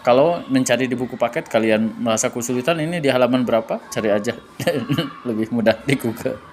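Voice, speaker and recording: A male teacher going over an exam study guide in a loose, chatty way, with lots of fillers and restarts. His voice sits at an ordinary middle pitch. A faint hum of noise runs under the recording. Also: fast. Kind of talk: casual exam review lesson.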